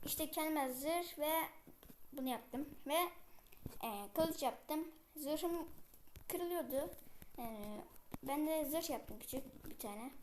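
A woman giving casual gameplay commentary, chatting to viewers with many fillers and speaking a bit loudly on purpose. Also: high voice, slight background noise.

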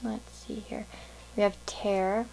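A woman's voice: mid-range voice, steady tone, normal speed, a little hiss or hum, low-quality recording. A woman giving a casual pick-a-card tarot reading to viewers, musing and thinking aloud in a meandering way.

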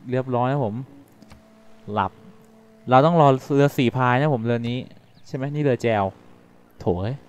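A man hosting a let's-play, talking quickly and casually as he thinks aloud and reads out game text. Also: mid-range voice, clean tone. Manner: translates game text on the fly. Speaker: gaming channel host.

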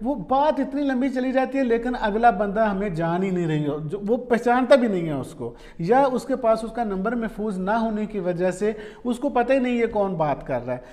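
His voice sits high and sounds darkish, animated and steady in pace with hardly any pauses. This vlogger, journalist and columnist, a man in his forties with a Pakistani accent, advises viewers informally from a desk in a small, quiet room, explaining conversationally and slipping in English words.

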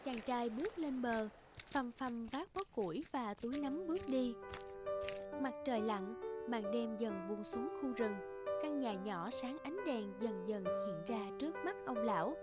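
A woman narrating a fairy-tale cartoon in a gentle, even storytelling delivery. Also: fairly high pitch, a little slow. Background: loud background music.

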